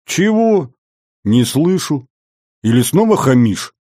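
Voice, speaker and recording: A man voicing a stern grown warrior who speaks in a calm, mocking tone. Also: lowish voice, a little slow, husky, dry recording, clean studio sound, heavily acted.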